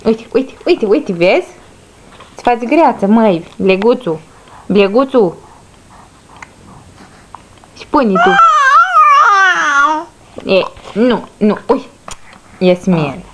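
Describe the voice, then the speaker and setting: A woman's voice: medium pitch, animated, long pauses, darkish tone, slight background noise. A woman talking baby talk to her infant daughter, coaxing her with sing-song, repeated words at home. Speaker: mother.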